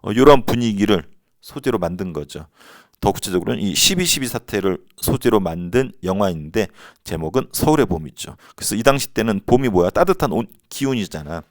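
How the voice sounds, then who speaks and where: A man in his forties teaching a high school history lesson, casual and joking, now and then shouting out slogans. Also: lively intonation, fairly quick, dry recording, clean studio sound. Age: 40s. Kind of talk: lecture for high school students.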